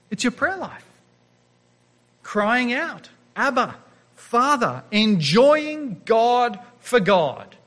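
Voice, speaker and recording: A man in his thirties preaching a sermon in a church, animated and emphatic, with his voice rising on key points. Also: high voice. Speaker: pastor. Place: church sanctuary. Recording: long reverb of a large church hall.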